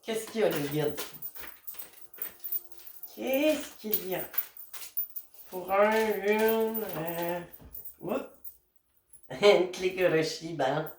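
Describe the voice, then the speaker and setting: Québécois woman, unhurried chatty card reader, a bit low, roomy distant recording. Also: expressive, a little mellow, a little hiss or hum. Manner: chatty and meandering, many fillers and asides to her spirit guides. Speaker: tarot and oracle card reader. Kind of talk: casual spiritual card reading.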